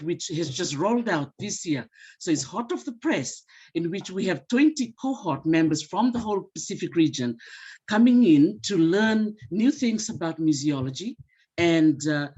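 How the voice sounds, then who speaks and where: Woman panelist, earnest and grateful, halting fillers, mellow tone, muffled call audio. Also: low voice, husky. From Fiji. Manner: earnest and appreciative, with frequent "uh" fillers. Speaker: museum association representative, panelist. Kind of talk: symposium panel remarks.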